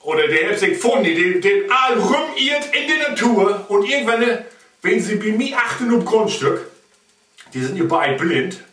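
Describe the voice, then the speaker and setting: A man's voice: high-pitched, very animated, moderate pace, fairly bright tone. A man with an East Frisian accent telling a playful comic story, chuckling as he goes. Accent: East Frisian German. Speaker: comedian. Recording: echoey room, mic at a distance.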